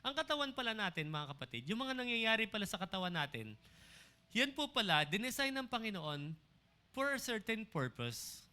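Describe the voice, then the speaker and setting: Bright high-voiced male pastor preaching. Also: very animated, normal speed, clear, resonant tone. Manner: calls on the congregation for amens; mixes English phrases into his preaching. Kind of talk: sermon. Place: church service.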